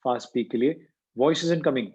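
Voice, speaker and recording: The coach here has a mid-range, slightly rough, darkish voice and speaks fairly quickly. Teaching a voice class online by video call, he walks through every point while mixing in English terms, all heard through muffled, lo-fi call audio.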